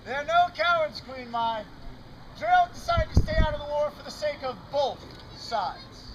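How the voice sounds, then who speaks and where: A man's voice: extremely high pitch, wildly swooping pitch, unhurried, full character voice. A man playing an earnest, righteous bard envoy in formal, declamatory Renaissance faire speech. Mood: courtly. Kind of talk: Renaissance faire stage drama, olde speech. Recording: noisy outdoor live recording.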